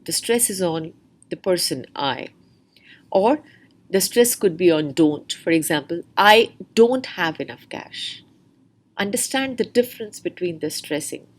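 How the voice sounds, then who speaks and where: A woman's voice: on the low side, animated, moderate pace, darkish tone. A woman tutor giving a spoken lesson on exam speaking tips, explaining step by step and reading example sentences aloud with different words stressed.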